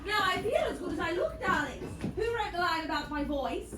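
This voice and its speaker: A woman's voice: very high voice, lively intonation, a little fast. A woman playing a vain, haughty, glamorous villainess, speaking with posh theatrical drama. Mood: gushing. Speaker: costumed character performer. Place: large crowded bar on a cruise ship. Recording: echoey crowded room, mic far off.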